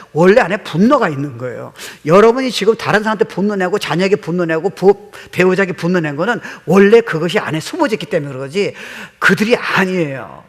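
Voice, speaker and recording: A man's voice: sits high, fairly bright tone. A middle-aged male pastor preaching a sermon, telling stories animatedly and mixing in English words. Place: church sanctuary. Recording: long hall reverb.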